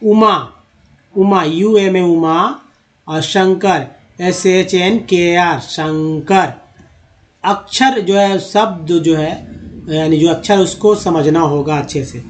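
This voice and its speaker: A man's voice: high voice, takes it slowly. A man teaching, spelling names letter by letter, repeating each word and addressing viewers as friends. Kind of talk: explaining Hindi-to-English spelling on a board.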